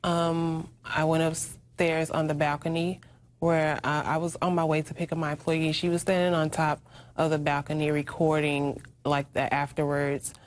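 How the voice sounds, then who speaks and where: Low-voiced woman giving an eyewitness account. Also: level tone, normal speed. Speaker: eyewitness interviewee. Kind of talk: recounting events in an interview.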